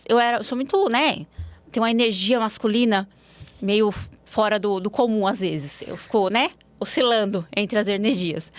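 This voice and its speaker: A woman guest telling personal stories in a frank, animated way in a podcast interview. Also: no echo. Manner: animated, frank, rising pitch in anecdotes. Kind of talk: candid personal storytelling.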